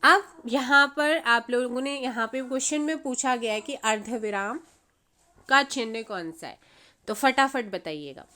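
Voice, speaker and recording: Speaking unhurriedly in a fairly high, pushed and bright voice, a woman leads a grammar lesson aimed at exam preparation. She sprinkles English words throughout, and she poses questions to viewers, repeats them, and supplies the answers herself.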